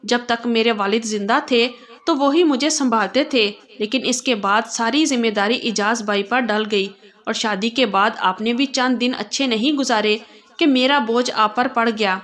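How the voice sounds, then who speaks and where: A woman reading the lines of a gentle, affectionate blind young man in an earnest, pleading way. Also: a little high, close to an everyday voice. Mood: wistful.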